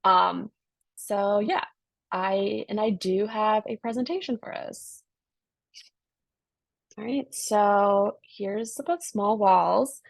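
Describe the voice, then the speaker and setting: A woman's voice: medium pitch, slow, creaky, pauses often, no echo. Woman project manager, casual presenter on a video call, dry close sound. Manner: easygoing, with many "um" fillers.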